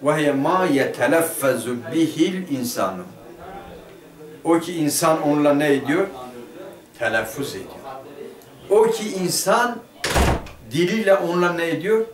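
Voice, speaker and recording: A man explains a grammar text in a Turkish madrasa lesson, asking the class questions and answering them himself. His voice is fairly high and animated, with a measured pace and frequent pauses, picked up from a distance in a roomy classroom.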